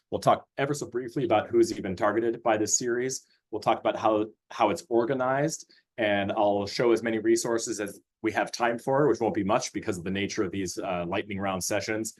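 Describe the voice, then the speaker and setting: A man who grew up in Austria gives a webinar presentation of a school curriculum over a video call. His lowish voice is steady and fairly quick, and his friendly delivery is peppered with fillers and restarts.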